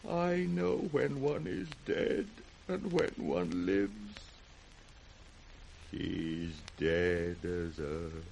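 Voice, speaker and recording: An actor playing an aged, grief-maddened king in British radio Shakespeare, raging and tender by turns with declamatory, drawn-out delivery. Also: low-pitched, gravelly, a little mellow, exaggerated voice. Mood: broken grief. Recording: noisy vintage radio recording.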